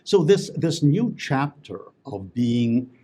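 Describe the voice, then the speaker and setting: A man's voice: medium pitch, sing-song, takes it slowly, dark tone, slight background noise. A man talking as an interview guest, telling stories in a chatty way with many fillers and restarts. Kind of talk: casual interview conversation.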